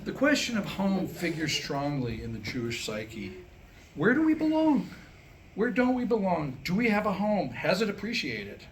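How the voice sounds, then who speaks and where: With a high-sitting voice and huge swings in pitch, a man in his sixties works through a staged reading of jokes and comic monologue at a moderate pace. He acts out the dialogue wryly. The live room recording is rough, with noise in the background.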